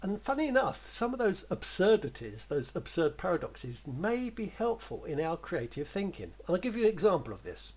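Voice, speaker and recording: A man's voice: sits high, big pitch swings, moderate pace, hardly any pauses, a little mellow, rough recording. A man gives a rambling, conversational creative writing lesson and often chuckles.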